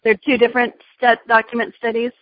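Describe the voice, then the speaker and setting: A woman teacher talks through questions in a relaxed discussion, pausing often with fillers. Her voice sits fairly high and stays flat in pitch. The sound is dry and somewhat dull. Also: no room sound. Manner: friendly, hesitant with fillers. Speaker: teacher giving advice. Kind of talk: casual Q&A discussion.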